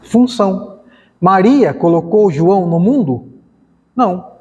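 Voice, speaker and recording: A man lecturing at a spiritist center has a high, warm voice with lively intonation and a slow pace, on a lo-fi recording with long hall reverb. His delivery is conversational, with acted-out dialogues and rhetorical questions.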